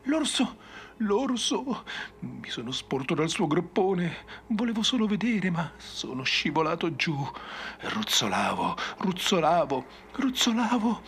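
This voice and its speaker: A man voicing a terrified villager driven mad, raving in a high, cracking voice. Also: sing-song, slow pace, bright, forceful tone, a little hiss or hum, full character voice. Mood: frantic. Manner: frantic, high-pitched raving.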